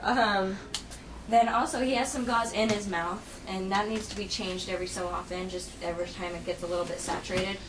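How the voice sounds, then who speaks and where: A woman's voice: medium pitch, steady tone, brisk. A woman working as a dental assistant, explaining aftercare instructions conversationally, step by step, and checking that she is understood. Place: indoor clinic treatment room. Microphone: camera held by another person, at a distance. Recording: noisy room, distant camera microphone.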